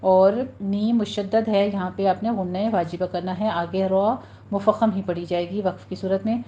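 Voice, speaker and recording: A woman teaching a tajweed lesson, patiently explaining pronunciation rules and slowly repeating words for her students to practice. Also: medium pitch, steady tone, mellow, lo-fi sound, a little hiss or hum. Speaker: Quran recitation teacher.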